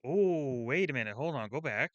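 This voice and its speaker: A man's voice: mid-range voice, expressive, normal speed, lo-fi sound. A young man hosting his channel, reacting to a food video in casual, blunt commentary, swearing freely and thinking aloud with restarts.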